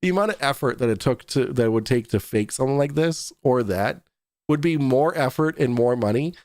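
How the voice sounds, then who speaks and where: A man's voice: medium pitch, expressive, a little fast, darkish tone, dry recording, clean studio sound. A man with a Boston accent hosting a talk show, joking and laughing through casual live-stream commentary.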